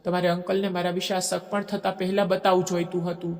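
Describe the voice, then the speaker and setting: A man voicing an obsessive, possessive young man in a storybook drama, forceful and speaking through gritted teeth. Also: sits high, monotone, fast. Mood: angry, desperate. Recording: echoey long reverb.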